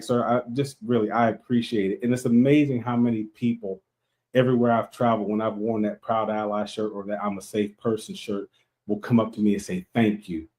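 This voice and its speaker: A man's voice: on the low side, a little mellow. A man co-hosting a podcast, telling a story in casual chat and acting out the dialogue over a remote call. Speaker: podcast co-host.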